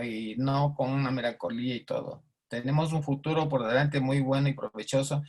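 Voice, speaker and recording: Man, husky voice, storyteller who acts out the quotes. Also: mid-range voice. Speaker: audience participant. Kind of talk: telling a personal story in an online panel.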